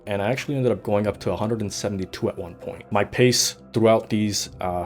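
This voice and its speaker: A man giving a scripted voice-over for his fitness vlog, steady and matter-of-fact as he lists his numbers. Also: fairly low pitch. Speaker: vlogger.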